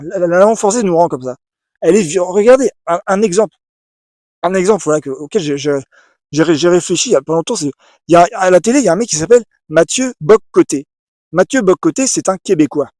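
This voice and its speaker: A man's voice: a little high, darkish tone, dry recording, clean studio sound. A man giving a casual opinion monologue to the camera, emphatic and repetitive, with many restarts and asides to the viewer. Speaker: video essayist.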